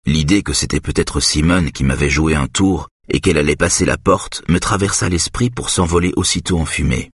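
Man narrating an audiobook, extremely low, husky voice, steady and measured. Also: no room sound, clean studio sound. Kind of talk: first-person audiobook narration.

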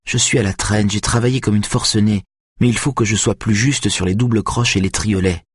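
Guy doing a nervous young violinist girl, pitched up, a bit husky, dry sound. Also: steady tone, dry recording. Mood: anxious. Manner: higher, tense, quick-tempered. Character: young woman violinist, anxious and driven.

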